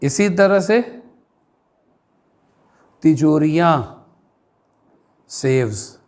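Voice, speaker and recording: Indian male teacher, fairly high voice, very slow delivery, spells words letter by letter for a pronunciation class. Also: a little mellow. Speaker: English teacher.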